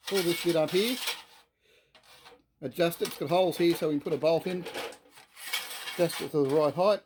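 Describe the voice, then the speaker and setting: A man's voice: on the high side, noisy background. A man talks casually and chattily to viewers while working in his shed, in a folksy, self-deprecating way. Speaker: host of a workshop video update. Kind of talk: casual workshop vlog, talking while working. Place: workshop shed.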